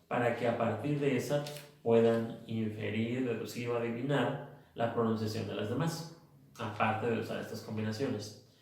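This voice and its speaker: A man teaching English pronunciation, patiently explaining and repeating example words slowly. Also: medium pitch, darkish tone, heavy reverb, recorded from a distance, low-quality recording. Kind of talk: pronunciation lesson.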